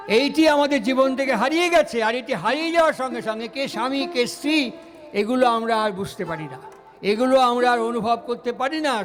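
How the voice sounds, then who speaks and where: A man with a Bengali accent delivering an impassioned devotional sermon, with rhetorical questions and chanted scripture. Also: extremely high pitch. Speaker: preacher.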